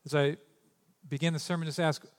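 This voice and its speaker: Standing at a stage microphone in a church sanctuary, a man preaching as pastor reads scripture before shifting into loose talk full of jokes and stumbles. His fairly high voice is delivered flatly and a little fast.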